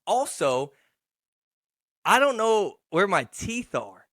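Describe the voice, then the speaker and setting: A man's voice: sits high, big pitch swings, slow pace, a bit bright, no echo, studio quality. A man, hosting a casual, rambling solo podcast in a profane, slangy, boastful yet self-deprecating way. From Texarkana, United States. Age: 20s. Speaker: podcast host.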